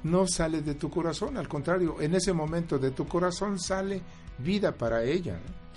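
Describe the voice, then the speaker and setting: A man's voice: a little high, normal speed, a little mellow, soft background music. A man on a faith talk panel who quotes Bible verses and makes firm, preacher-like statements. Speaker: panelist quoting scripture. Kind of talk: preaching-style commentary.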